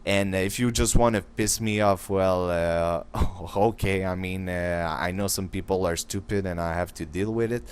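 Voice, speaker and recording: A man's voice: low voice, fairly even intonation, moderate pace, few pauses, a little hiss or hum. A young man giving casual, rambling voice-over commentary over a game walkthrough as the channel's host. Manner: casual, rambling, filler-heavy talk.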